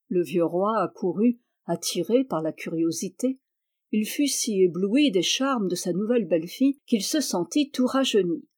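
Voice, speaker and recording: Femme au timbre doux, conte lu. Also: female voice, mid-range voice, mellow. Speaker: audiobook reader. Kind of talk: scripted narration of a fairy tale.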